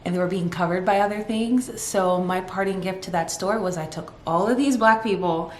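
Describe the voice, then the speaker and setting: A woman's voice: lowish voice, normal speed. Chatty woman vlogging in an echoey room. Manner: chatty, upbeat, rambling asides. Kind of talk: casual vlog chat. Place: home kitchen. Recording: echoey home room with faint noise.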